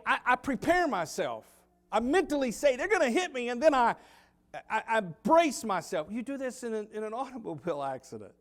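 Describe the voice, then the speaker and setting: A middle-aged man with a Southern US accent preaching a sermon as pastor, swinging from loud emphasis to quiet low asides. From United States. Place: church sanctuary.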